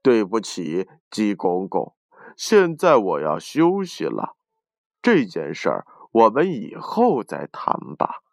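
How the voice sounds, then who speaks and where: A man's voice: lowish voice, wildly swooping pitch, slow, gravelly, no echo, clean studio sound, pitched below the performer's own voice, heavily acted. A man voicing a big, evasive and overly polite male dragon in a storybook tale. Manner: flustered, evasive.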